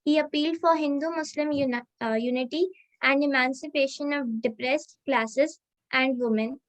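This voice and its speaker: A female student with an Indian accent reading a history textbook aloud, haltingly, repeating words now and then. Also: high voice, rough recording.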